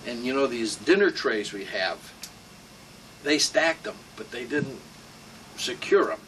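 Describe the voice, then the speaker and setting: Elderly American veteran reminiscing, distant mic. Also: male voice, mid-range voice, lively intonation, unhurried, a bit bright. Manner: old veteran remembering, rambling anecdotes with salty asides. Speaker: war veteran being interviewed. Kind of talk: informal oral-history reminiscence. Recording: distant mic with room hum.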